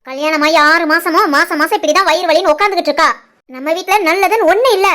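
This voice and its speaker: [name], a woman doing a shrill spiteful sister-in-law. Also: quick pace, pushed and bright, slight background noise. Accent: Tirunelveli Tamil. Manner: taunting, accusing. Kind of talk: animated family cartoon voice acting.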